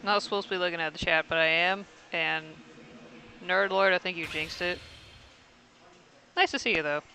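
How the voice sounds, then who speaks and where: A man's voice: high voice, normal speed, sharp tone, a little hiss or hum, poor audio. A man giving casual, rambling play-by-play commentary on a fighting game tournament, thinking aloud and poking fun at himself.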